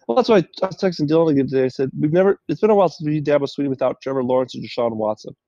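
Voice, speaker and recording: A man co-hosting a casual sports chat, opinionated and chatty, quick to tease. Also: fairly high pitch, dark tone, dry recording, lo-fi sound. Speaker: sports podcast co-host.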